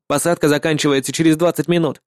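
A man voicing a young, obliging airport security operator in a plain, low-key way in a storybook reading. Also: steady tone, fast, dry recording, studio quality, lightly acted. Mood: matter-of-fact.

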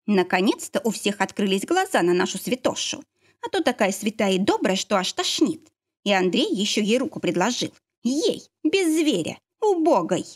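A woman's voice: medium pitch, very animated, moderate pace. A woman voicing a cruel, scornful young she-wolf who sneers and hisses with contempt, in an audiobook reading.

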